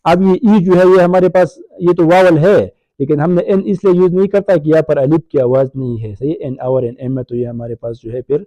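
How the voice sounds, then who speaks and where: Man teaching grammar, mellow voice. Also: fairly high pitch, steady tone, few pauses, dry recording, dull audio. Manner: explains in Urdu mixed with English, asks "right?" often. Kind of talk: recorded lecture.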